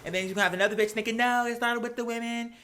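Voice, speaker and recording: An American livestream host with a very high, sharp voice races through casual, opinionated chat with his live viewers. His intonation stays fairly even while he talks in an emphatic, slangy, conversational way, and there's slight background noise.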